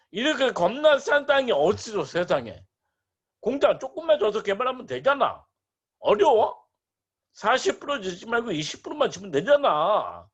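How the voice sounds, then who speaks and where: A man voicing a pushy, hard-selling male land broker in a recorded lecture, talking loudly and scolding. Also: slightly rough, lo-fi sound, full character voice. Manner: loud, scolding, high-pitched hard sell.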